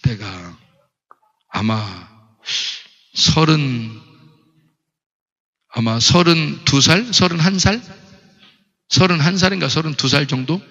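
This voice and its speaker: A middle-aged man preaching a sermon, telling a story with animated delivery and asking the congregation questions. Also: on the high side, slow, long pauses, highs cut off. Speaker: pastor. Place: church. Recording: church hall reverb.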